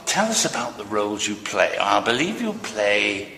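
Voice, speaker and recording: Teasing male arts host, bright lively voice. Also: lowish voice, moderate pace. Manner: teasing, playfully obtuse questions. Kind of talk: mock-serious interview banter. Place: theatre hall. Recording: echoey theatre hall, faint noise.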